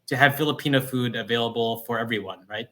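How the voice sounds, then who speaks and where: A man raised in New Jersey, a food company founder telling his story in a casual interview, upbeat and energetic. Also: medium pitch, fast. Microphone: livestream call microphone.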